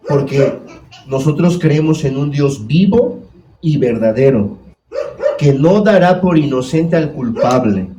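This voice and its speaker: Slow-preaching male pastor in an echoey church. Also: on the high side, noisy background. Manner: preaching with questions to the congregation. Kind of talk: sermon. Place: church hall.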